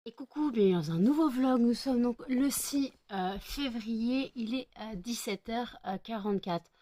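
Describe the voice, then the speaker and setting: A woman vlogs casually in a chatty way, full of hesitations and sounding tired, as she scolds her pets affectionately. Her voice is on the high side, mellow and measured in pace, on a dry recording.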